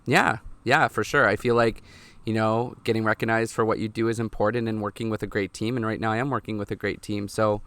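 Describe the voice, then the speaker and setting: A man's voice: lowish voice, little pitch movement, fairly quick, a bit bright, clean tone, no echo. A man in his twenties co-hosting a podcast, chatting candidly and reflectively with lots of "like" fillers. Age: 20s. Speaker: podcast co-host. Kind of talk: casual chat.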